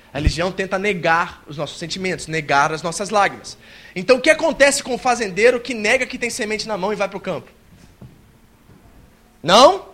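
High-voiced man preaching with big dynamics. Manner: dynamic preaching, swinging from soft to loud; acts out a worshipper's complaints in a high whiny voice. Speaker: pastor. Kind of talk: sermon.

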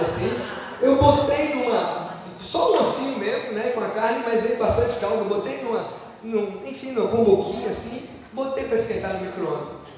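A Brazilian man preaching a sermon, telling personal stories in an animated, joking way. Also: extremely high pitch. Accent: Brazilian Portuguese. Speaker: pastor. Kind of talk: storytelling sermon. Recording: echoey hall from far off.

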